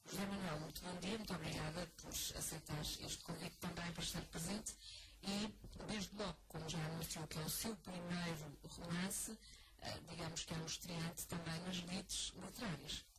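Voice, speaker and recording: A woman's voice: fairly low pitch, steady tone, moderate pace. A woman with a European Portuguese accent, hosting a radio interview and announcing an event formally. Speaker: radio host. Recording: noisy radio broadcast.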